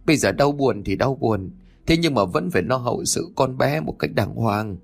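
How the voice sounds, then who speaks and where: A man's voice: mid-range voice, expressive, moderate pace, gravelly. A man voicing an elderly neighbor woman in an audio story, who talks bluntly and scolds. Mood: stern.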